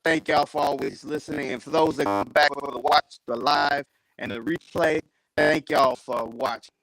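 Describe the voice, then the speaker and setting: A man hosting a sports talk show, his voice sitting a little high. It comes through a glitchy video call that keeps breaking up, dry and close with no room sound at all. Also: moderate pace, creaky, a bit bright, dry recording, low-quality recording. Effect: glitchy, breaking-up video call audio. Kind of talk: casual online sports show chat.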